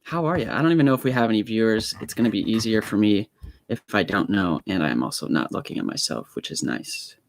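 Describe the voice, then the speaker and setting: A man's voice: on the low side, lively intonation, quick pace, no echo. Nervous rambling young man on a live stream. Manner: nervous, rambling, many fillers and restarts. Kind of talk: casual solo live stream storytelling. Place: home room set up as a studio. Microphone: small desk microphone.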